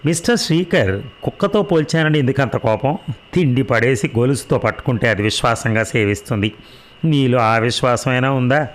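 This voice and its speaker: A man's voice: on the low side, moderate pace, a bit bright, lightly acted. A man voicing a proud, sarcastic rich young wife in a read-aloud story, mocking and defiant. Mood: taunting. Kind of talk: audio drama reading.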